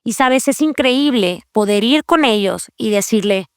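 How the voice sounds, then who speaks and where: Earnest woman, higher voice. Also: expressive, measured pace, dry recording, clean studio sound. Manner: earnest, confessional, repeats key phrases. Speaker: podcast host.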